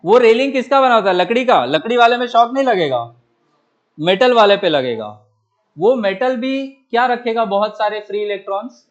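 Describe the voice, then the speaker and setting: High-voiced man teaching a physics class. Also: animated, normal speed, dull audio. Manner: asks students questions and answers them himself; coaxing, repeatedly checks understanding. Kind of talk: classroom lecture.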